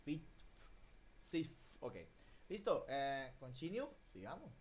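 Un profesor de inglés con acento latinoamericano en una clase en línea por videollamada, que corrige la pronunciación con entusiasmo y mezcla español e inglés. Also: male voice, a little high, slow, a little hiss or hum. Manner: lively, drills pronunciation, mixes Spanish and English. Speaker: English teacher. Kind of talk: online class. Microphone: video call.

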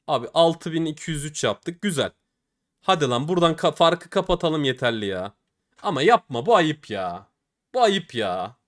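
A man's voice: fairly high pitch, very animated, moderate pace, fairly bright tone. A young man commenting casually on opening game cases, often pleading and groaning at the results. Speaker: case-opening streamer.

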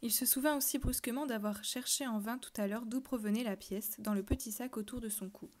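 A woman reading a children's novel aloud, telling the story softly and dropping to a whisper at tense moments. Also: a little high, a little fast. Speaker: reader.

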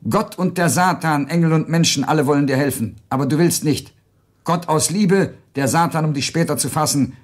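A man voicing a mysterious, insistent male spirit that tempts and presses, in a stern, raised, husky voice. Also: on the high side, normal speed, natural voice.

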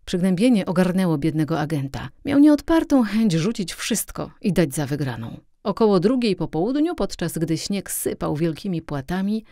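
A woman reads a classic adventure novel aloud as an audiobook, telling it steadily and with expression. Her voice sits fairly low and sounds mellow. The recording is close and dry. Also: sing-song, moderate pace, hardly any pauses, dry recording. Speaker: audiobook reader. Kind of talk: audiobook narration.

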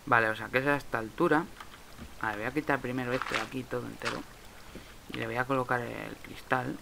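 A man's voice: mid-range voice, steady tone, fast, vocal fry, background noise. A young man from Spain with a Spain Spanish accent, casually commenting on his own Minecraft game, muttering and swearing at lag. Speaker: Minecraft let's player.

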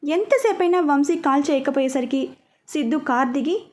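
Woman storyteller, high voice, mellow dark tone, steady scripted narration. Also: normal speed.

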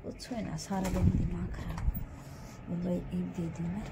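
A woman's voice: on the low side, little pitch movement, measured pace. Chatty Haryanvi mother in an echoey home. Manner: chatty, rambling, homely. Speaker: family vlogger and mother. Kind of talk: casual home vlog talk to camera. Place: at home, indoors. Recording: echoey room with loud background noise and passing vehicles.

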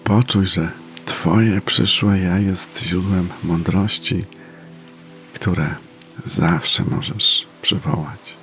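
A man leads a guided meditation in an extremely deep voice with a creaky, gravelly edge. His delivery is soft and soothing, moving slowly with pauses between phrases. Faint music plays behind him. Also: steady tone. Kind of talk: slow guided meditation narration.

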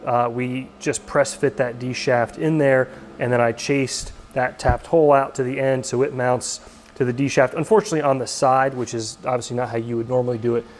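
A man in his thirties rambles quickly and cheerfully about his work, filling pauses with ums. He is holding the camera close while he walks around a large shop. The space gives his voice a long, hall-like reverb, and there is a faint background hum. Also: mid-range voice, steady tone. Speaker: machine shop owner. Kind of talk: casual vlog talk. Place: large open machine shop workspace. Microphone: handheld camera close to face.

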